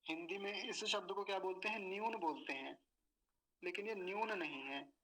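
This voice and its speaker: A patient man teaching pronunciation, repeating each word slowly syllable by syllable. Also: high voice, a bit bright, a little hiss or hum, low-quality recording. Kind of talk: slow pronunciation lesson.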